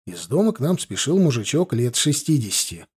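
A man narrating a first-person story as an audiobook, telling it in a lively way. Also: mid-range voice, a little fast, slightly rough.

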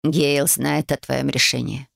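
A woman voicing a stern, scolding grandmother witch over eighty, speaking slowly and gruffly. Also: rumbling low, steady tone, no room sound, studio quality, full character voice. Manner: slow, gruff and reproachful.

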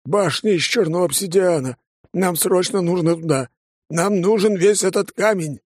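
A man reading an audiobook, voicing a band of eager male mages who speak loudly and urgently. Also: sits high, normal speed, no room sound, pitched above the performer's own voice. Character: group of eager male mages, greedy for stone.

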